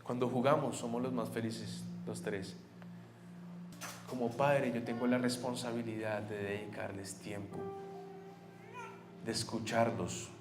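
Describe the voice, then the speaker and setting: A young adult man, preaching a sermon as a pastor. He talks earnestly, moving between animated and quiet, reflective moments. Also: medium pitch, unhurried, long pauses. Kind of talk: sermon storytelling. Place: church sanctuary. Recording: echoey church hall, faint guitar.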